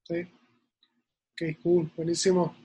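Husky Mexican-accented host, eager interviewer. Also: medium pitch, level tone, slow pace, warm tone. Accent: Mexican Spanish. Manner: enthusiastic, exhorting listeners. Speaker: podcast host. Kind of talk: casual interview.

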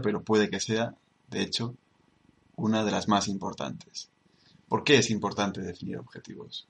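Gravelly low-voiced yoga teacher. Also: male voice. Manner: measured, repeats key words for emphasis. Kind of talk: spoken tutorial.

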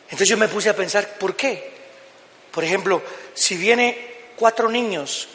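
An older man preaching a sermon as pastor, dramatic, dropping to low murmurs and rising to shouts. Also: unhurried. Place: church hall. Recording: reverberant church hall, faint ambience.

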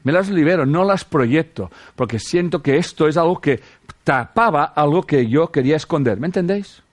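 A man from Spain with a Castilian accent leads a relaxed spiritual talk before a group. His pitch swings lively up and down as he pushes rhetorical questions and salty slang. He keeps addressing his listeners affectionately as sweethearts. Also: moderate pace. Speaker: spiritual teacher.

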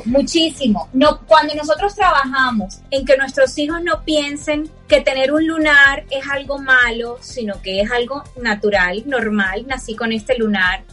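A woman's voice: high-pitched, a bit bright. A woman in a casual panel chat about parenting, telling stories animatedly and acting out the dialogue she quotes. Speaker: co-host.

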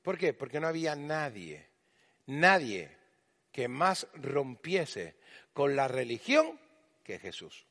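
Male preacher, lively sermon, gravelly voice, long church-hall reverb. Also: medium pitch, slow. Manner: animated, acts out quoted voices.

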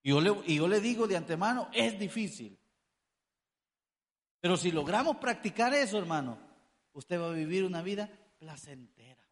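A man preaching a sermon with a high, ringing voice that carries a long reverb through an echoey hall. He keeps calling his listeners brother, pressing them with rhetorical questions and teasing asides. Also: animated, normal speed.

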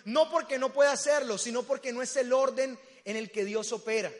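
A young man preaches in a lively storytelling way, acting out voices and shouting at the funny parts. His voice is high and bright. A long reverb fills the hall around him. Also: fairly quick. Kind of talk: storytelling sermon.

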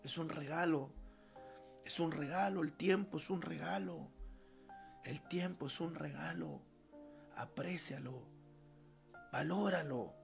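A man's voice: on the high side, lively intonation, slow pace, vocal fry, pauses often, faint music behind. A man preaching a fervent sermon as pastor at a church service, repeating his key phrases for emphasis.

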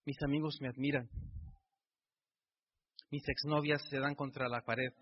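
A middle-aged motivational speaker with a Mexican Spanish accent gives an emotional speech, stacking up repeated rhetorical phrases. His medium-pitched voice is flat and unhurried, set against a noisy background. The recording is dull, in a reverberant hall.

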